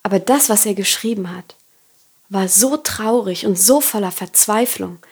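A woman hosting a podcast, telling a personal faith story and reflecting on it in an earnest, softly confiding way. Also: medium pitch, moderate pace, breathy edge. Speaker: podcast host.

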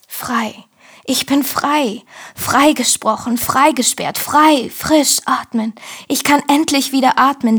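A woman reciting devotional spoken-word poetry, slow and intimate, often sinking into whispers. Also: fairly high pitch, vocal fry, slightly rough. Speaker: poet reciting devotional verse.

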